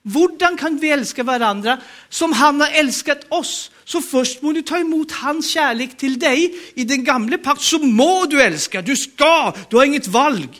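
A man's voice: extremely high pitch, expressive, few pauses, a bit bright. A man with a Norwegian accent preaching a sermon, emphatic and urging the congregation to respond.

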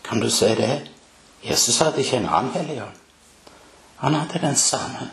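A man's voice: medium pitch, lively intonation, fairly bright tone. A man preaching a fervent sermon, with emphatic rises and exclamations. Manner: fervent, rising to emphatic peaks. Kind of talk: Pentecostal-style sermon.

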